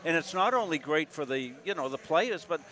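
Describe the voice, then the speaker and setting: A man's voice: on the high side, animated, brisk, bright, forceful tone. A man in his sixties from Massachusetts, calling a college basketball game courtside in a folksy, rambling way with lots of filler words. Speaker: play-by-play announcer. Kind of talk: live basketball commentary. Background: music.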